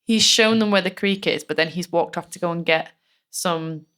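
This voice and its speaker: Woman on a true crime podcast, kinda low but bright punchy voice, lots of "like"s. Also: normal speed, smooth. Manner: chatty, many fillers, acts out quotes. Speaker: podcast co-host telling the case.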